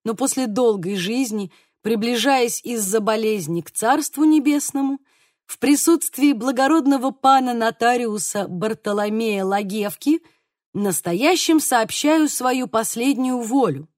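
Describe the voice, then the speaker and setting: A woman voicing an excitable, solemn man who reads a will aloud and takes offence easily. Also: a little high, unhurried, dry recording, studio quality, natural voice. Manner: solemn reading, bursts of indignant shouting.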